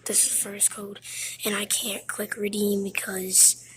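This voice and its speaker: A woman whispering quietly through a casual game code walkthrough in a public library, hosting her own gaming channel. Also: mid-range voice, monotone, unhurried, slight background noise, low-quality recording. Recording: library crowd murmur behind. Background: people murmuring nearby.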